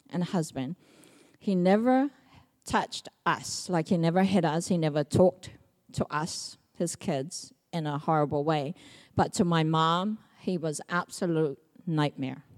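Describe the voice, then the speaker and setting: A middle-aged woman from Samoa giving a personal testimony sermon, telling stories in a lively way and acting out quoted speech. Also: low voice. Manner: lively storytelling, acts out quotes, laughs often. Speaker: preacher.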